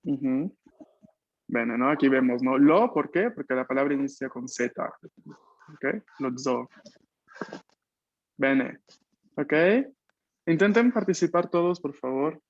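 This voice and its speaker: Over a video call mic, a man teaches an online Italian lesson in Spanish, repeating students' answers and explaining slowly while constantly checking in with short tag questions. His voice is mid-range, and the recording is dry with the highs cut off.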